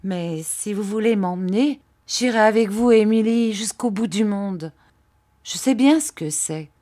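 An emotional, devoted aging widow pleading not to be left behind, put on by a woman reading a storybook. The delivery is unhurried and insistent, with the voice lifting as her plea grows urgent. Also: mid-range voice, dark tone, lightly acted. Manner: imploring, emotional.

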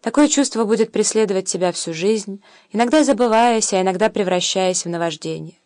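A woman reading the lines of a tender young mother who calmly teaches her son, in a soft, measured voice. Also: mid-range voice, no room sound, clean studio sound, natural voice. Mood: gentle, reflective.

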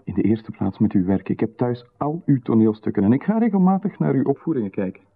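Here the Flemish-accented man talks fast in a mid-range, slightly rough voice, acting in a 1990s radio drama. His character is a calm, watchful stranger who knows too much, and he comes across as insinuating, insistent and coolly overfamiliar over a narrow, phone-like radio signal.

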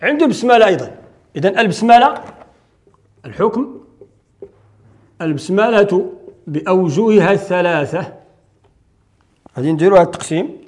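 A man's voice: sits high, lively intonation, moderate pace, long pauses, a little mellow. A man with a Moroccan accent teaching Quran recitation rules in a classroom lecture, explaining step by step and answering his own questions.

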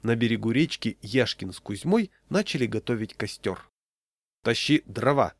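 Man reading humorous story, deadpan, medium pitch, dry close mic. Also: normal speed, dry recording. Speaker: reader.

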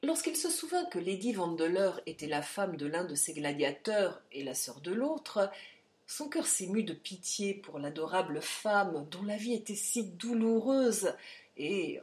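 A woman reads a classic story aloud. Her narration is expressive, and her pitch moves a great deal. Her voice sits in a middle range. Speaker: audiobook narrator. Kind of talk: scripted narration.

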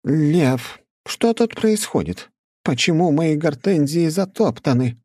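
A man voicing a flustered older woman, the lady of the house, with shrill, drawn-out exclamations. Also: expressive, darkish tone, no room sound, studio quality. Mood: scandalized.

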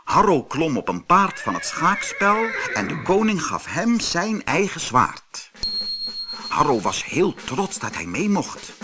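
A man reading a fairy tale aloud as narrator, slow and expressive. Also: fairly high pitch. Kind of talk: storybook reading.

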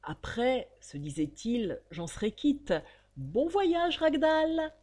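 Nervous noble count read by a woman, hurried, anxious, lifted pitch, storybook. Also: big pitch swings, a little mellow, full character voice. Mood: relieved. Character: nervous aristocratic male count, relieved, anxious.

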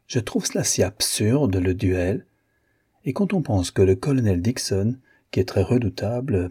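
A man's voice: lowish voice, mellow, slightly rough, full character voice. A man reading the lines of an anxious, spirited young woman in a novel.

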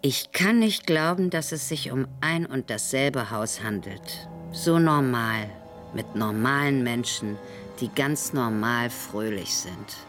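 A woman's voice: a bass voice, takes it slowly, soft background music. An actress playing a frightened young woman narrating her own plight in a tense inner monologue. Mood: content. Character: frightened young woman, nervous, planning to flee. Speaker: narrator-protagonist.

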